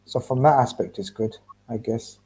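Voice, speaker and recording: This man's voice is mid-range and slightly rough, and he speaks at a normal speed. He's hosting a football watchalong, blending live commentary with easygoing chat and loud, sweary reactions to the match.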